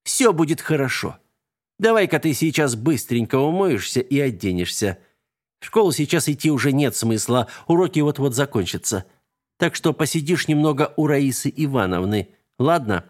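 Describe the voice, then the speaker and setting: A man's voice: mid-range voice, animated, normal speed, pitched above the performer's own voice, close to an everyday voice. A man voicing a frantic, emotional young mother in an audiobook, his voice raised and agitated. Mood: determined.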